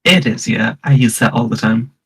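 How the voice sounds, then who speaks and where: Husky voice with dry teasing. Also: mid-range voice, normal speed. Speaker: stream guest. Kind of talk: casual live-stream banter.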